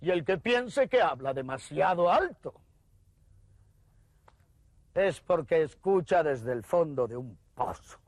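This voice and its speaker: A man reciting poetry dramatically, swelling to calls and dropping to hushed lines. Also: on the high side, expressive, slow pace, pauses often.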